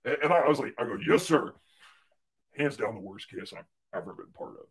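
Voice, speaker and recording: A young man, a guest on a livestream, telling a work story casually with lots of "like" and restarts, getting loud when he quotes someone. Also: medium pitch, fast, slightly rough. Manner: animated storyteller, fillers and restarts, loud when quoting others. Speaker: guest, former medical device rep.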